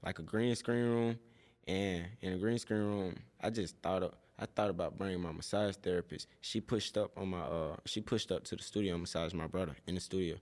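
A man's voice: sits low, brisk, a little mellow. A young man from Tennessee, a podcast guest, chatting casually in laid-back slang about his business. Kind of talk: casual chat.

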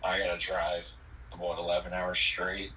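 A young man phoning into a podcast as a guest, laid-back and halting in casual chat. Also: low-pitched, completely flat delivery, sharp tone, lo-fi sound, a little hiss or hum. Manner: laid-back, halting, says dude a lot. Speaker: phone-in guest.

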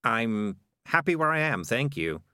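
A man's voice: mid-range voice, big pitch swings, a little slow, pushed and bright, clear, resonant tone, no room sound, studio quality. A man voicing a smug, clever talking cat with a cool, cocky manner.

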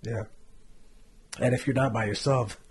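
A man on a faith podcast sharing a candid personal testimony, earnest and reflective with soft trailing asides. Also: mid-range voice, fairly even intonation, a little slow, slight background noise.

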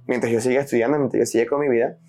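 A man's voice: medium pitch, steady tone, racing, mellow. A young man hosting a podcast, sharing a personal faith testimony in an earnest way, acting out his own prayers aloud and laughing between lines. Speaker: podcast host. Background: faint music.

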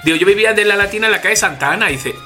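A man with a Spanish accent from Spain, co-hosting a casual podcast chat and telling stories lively, acting out each person's lines. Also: high-pitched, racing, soft background music. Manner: animated storyteller acting out dialogue. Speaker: podcast co-host.

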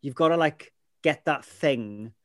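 Speaking a little slowly in a fairly high, somewhat bright voice, a Welsh man recounts his working life as a weather presenter in a casual interview. Welsh is his first language, and he drifts off on tangents, saying "you know" often. The recording is dry and studio quality.

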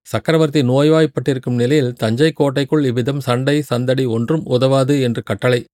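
Audiobook: man playing a commanding middle-aged male commander, gruff but coaxing, dry close mic. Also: medium pitch, normal speed, dry recording, lightly acted. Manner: commanding, alternating between scolding and calm. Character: stern middle-aged male fort commander, quick-tempered yet coaxing.

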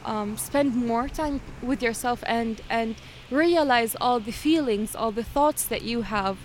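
A woman's voice: a little high, unhurried, slight background noise. A woman guest in a casual interview, earnestly giving advice with repeated phrases.

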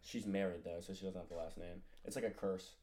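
A man's voice: low-pitched, steady tone, quick pace, darkish tone. A young man co-hosting a podcast in casual chat, joking and tossing in trivia. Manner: joking, laughs often, tosses in trivia. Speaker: podcast co-host.

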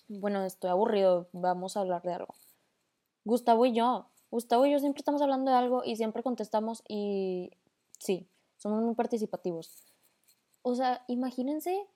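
A woman's voice: medium pitch, dark tone. A young woman with a northern Mexican accent hosting a casual voice-memo podcast, rambling and mixing in English slang. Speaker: podcast host.

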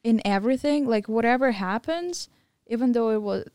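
Candidly sharing her story on a podcast, a young Mongolian-German woman based in Thailand chats casually with lots of fillers. Her voice is on the high side, expressive, darkish, and smooth at a moderate pace, in a dry recording with clean studio sound.

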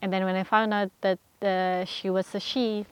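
A woman's voice: medium pitch, little pitch movement, normal speed, clean tone, dry recording. A woman co-hosting a podcast, chatting casually outdoors and sprinkling in "you know" and "like.". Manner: chatty, laughs often, says "you know" and "like". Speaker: podcast co-host. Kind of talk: casual chat.

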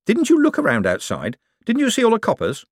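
A man's voice: sits high, wildly swooping pitch, fairly quick, no room sound, studio quality, pitched above the performer's own voice, heavily acted. Man doing a glib, evasive young con man. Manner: hesitant, wry and evasive.

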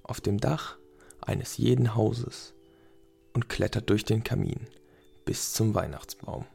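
A man's voice: lowish voice, steady tone, slow pace, vocal fry, warm tone, husky, full character voice. A man voicing a friendly young man who proudly confides a secret. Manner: confiding storyteller tone.

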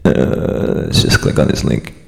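A man in his thirties from California co-hosts a podcast, chatting casually but hesitantly and laughing often. He speaks at an unhurried pace, and the recording has a big-room sound.

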